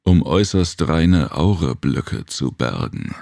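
A masked alien guardian, voiced by a male narrator, very deep and gravelly. He gives measured, emotionless warnings with no feeling showing. The sound is dry and close. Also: lively intonation, a little mellow, no echo, full character voice. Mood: cryptic. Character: masked alien protector, cryptic, calm. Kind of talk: audiobook character voice.

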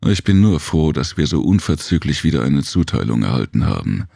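Guy voicing a tired grumpy big-eared alien, storybook, super deep and husky. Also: big pitch swings, brisk, dark tone, no room sound, studio quality, heavily acted. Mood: weary, gruff. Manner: weary, curt. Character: tired, gruff alien man with big ears.

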